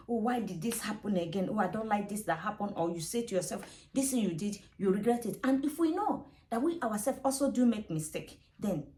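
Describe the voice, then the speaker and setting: A woman talking to camera in a casual vlog, giving relationship advice in an earnest, repetitive, gently persuasive way. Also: a little high, low-quality recording. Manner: looks away from camera while talking.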